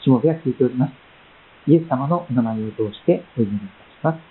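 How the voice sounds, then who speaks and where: A man from Japan gives a sermon as pastor, in a measured, gentle voice that pauses often and fills gaps with soft fillers. His pitch sits at a middling level for a man. The sound is narrow and tinny, like a phone line. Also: animated. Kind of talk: sermon with Bible reading and prayer.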